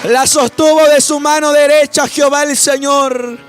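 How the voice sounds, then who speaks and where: A man preaching a dramatic testimony, rising to shouts and speaking in tongues. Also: very high-pitched, steady tone, normal speed, faint music behind, a faint crowd.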